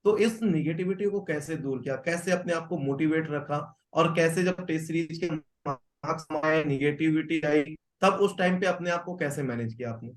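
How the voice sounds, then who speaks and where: A man's voice: fairly high pitch, moderate pace, few pauses, poor audio. A man, an educator interviewing a student with long, careful questions.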